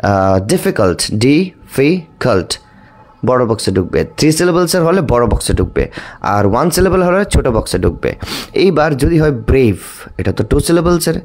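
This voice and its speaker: Man, English teacher, grammar lesson, very animated pitch, asks and answers himself, drawn-out example words. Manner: stretches out words, spelling and repeating them slowly; frequent fillers and restarts, asking and answering his own questions. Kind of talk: explanatory lesson.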